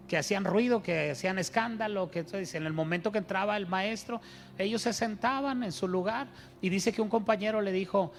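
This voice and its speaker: High-voiced preaching pastor, animated. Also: male voice. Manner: storytelling, rhetorical questions, animated preaching. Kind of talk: sermon.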